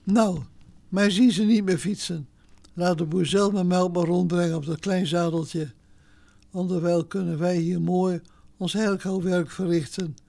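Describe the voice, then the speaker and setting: A woman's voice: lowish voice, steady tone, unhurried, creaky, dark tone, no echo. Woman doing Tine, a cheeky cow. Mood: grumbling. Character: daring, cheeky young female cow.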